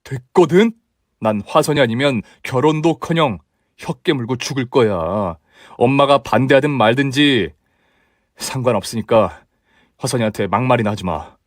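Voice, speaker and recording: A man's voice: mid-range voice, moderate pace, dry recording, studio quality, close to an everyday voice. A man voicing a young man who argues with his mother and pleads to keep his fiancée. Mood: exasperated. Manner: pleading, exasperated.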